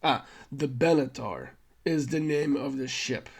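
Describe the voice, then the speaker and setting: A man's voice: medium pitch, measured pace, gravelly, husky. A man hosting a podcast, recapping a film in a casual, rambling way, often stopping to correct himself. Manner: rambling, self-correcting, stammers on restarts. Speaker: podcast host.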